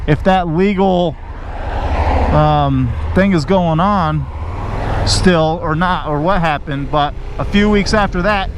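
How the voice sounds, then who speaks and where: A man's voice: on the high side, slow. An American man telling a story in a casual, rambling, conversational way as a motovlogger, talking from inside a helmet while riding. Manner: rambling, conversational, often checking in with "you know" and "right?". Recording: windy engine noise, inside motorcycle helmet. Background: wind and vehicle noise.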